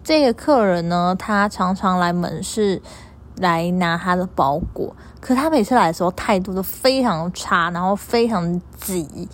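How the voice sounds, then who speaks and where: A woman's voice: on the low side, measured pace. Chatty young woman. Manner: chatty, animated, repeats herself for emphasis. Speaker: store clerk and vlogger. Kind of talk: casual storytelling to followers.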